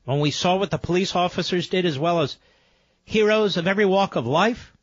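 American male radio host, somewhat high voice, emphatic infomercial-style selling, dry close studio sound. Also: a little fast, no room sound, highs cut off. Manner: emphatic sales pitch, repeating offers and phone number. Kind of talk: infomercial-style live ad read.

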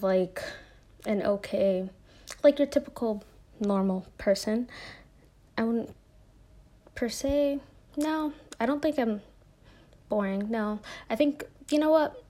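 A woman's voice: mid-range voice, slow pace, long pauses, warm tone. A young woman from Minneapolis talks through her first solo podcast episode, chatty and meandering. She fills the gaps with "um" and "like" and keeps correcting herself. A slight nervousness runs under her easygoing talk. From Minneapolis, United States. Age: young adult. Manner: chatty and rambling, many fillers and self-corrections. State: a bit nervous. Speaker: podcast host.

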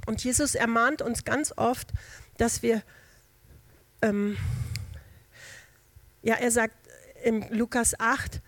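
Woman preaching casually, homely examples, lots of ums and restarts, kinda high voice, dry sound. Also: steady tone, slow, pauses often, a bit bright, no room sound. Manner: homely, conversational, with everyday examples and fillers; restarts and hesitations. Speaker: lay preacher. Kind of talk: informal sermon.

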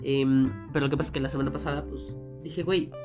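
A woman's voice: extremely low pitch, fairly even intonation, quick pace, over music. A woman with a Mexican Spanish accent hosting a casual solo podcast, rambling and self-mocking, with a cold and a sore throat. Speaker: podcast host.

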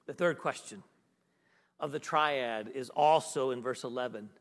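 A middle-aged male guest pastor giving a sermon, emphatic, swinging between loud and hushed. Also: medium pitch, a little slow. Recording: long hall reverb.

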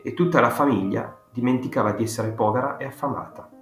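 A man narrating an audiobook in a measured, animated storytelling manner, in a roomy recording with faint guitar music. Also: medium pitch.

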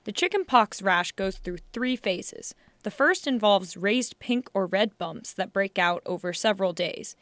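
A woman co-hosting a podcast, reading scripted narration in a measured, deadpan manner. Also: medium pitch, dry recording. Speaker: podcast co-host.

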